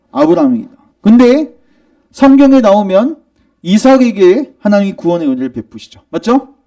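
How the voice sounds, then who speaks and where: A man's voice: sits high, warm tone, far from the mic. A male pastor preaching a sermon, questioning the congregation and answering himself, pressing his points with emphasis. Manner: emphatic, rising in argument. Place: church sanctuary.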